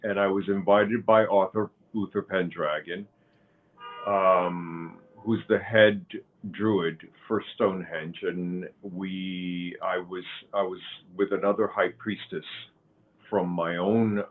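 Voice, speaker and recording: A man around sixty from Cuba, a guest in an interview, talking slowly and haltingly with many fillers and restarts. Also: deep voice, steady tone. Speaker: guest, author and pagan high priest. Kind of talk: interview conversation. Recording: thin phone-like line.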